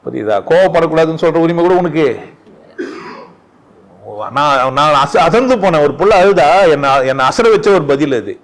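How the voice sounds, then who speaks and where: Lively man giving spiritual talk. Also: a little high, moderate pace. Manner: animated, full of rhetorical questions; laughs often while talking. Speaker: spiritual teacher at a satsang.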